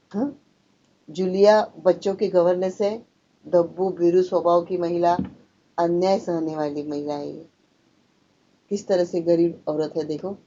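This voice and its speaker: A woman's voice: lowish voice, mellow. A woman teacher reading a play aloud to students and explaining it, raising her voice for the dialogue. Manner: reads dialogue with raised dramatic voice, then explains plainly. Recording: dull lo-fi sound.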